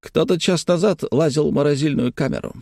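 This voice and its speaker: A man voicing an excitable male scientist who explains things eagerly, in a read-aloud story. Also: a little high, fairly quick, gravelly, no echo, clean studio sound, voice pushed up. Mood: explaining, excited.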